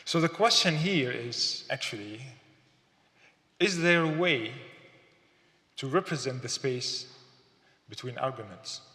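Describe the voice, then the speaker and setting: A man from Syria speaks at a gallery symposium, thoughtful and halting, with fillers and repeated words. His voice sits at an ordinary middle pitch. The hall is roomy and echoes with a long reverb. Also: animated, bright, forceful tone. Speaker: artist giving a symposium talk. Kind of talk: public lecture.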